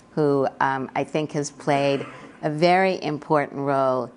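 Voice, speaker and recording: A woman with a strikingly deep voice moderates a panel discussion. She explains in measured phrases, with halts between them.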